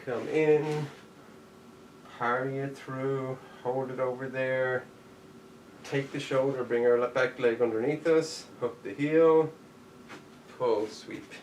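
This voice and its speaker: Speaking slowly and steadily in a medium, darkish voice, this jujitsu instructor runs a live class online, calling out steps while he shows each move. His audio has room echo, a far-off mic, and a faint background hum.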